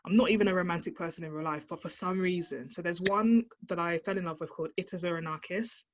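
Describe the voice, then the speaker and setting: A young woman chatting casually as a guest about her interests, animated and full of fillers. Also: on the low side, fast. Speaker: guest, anime fan. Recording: slightly dull lo-fi audio.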